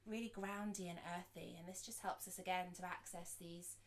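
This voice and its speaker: Female meditation guide, slightly low pitch, soft slow delivery with pauses. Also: steady tone. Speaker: sound healer and meditation guide.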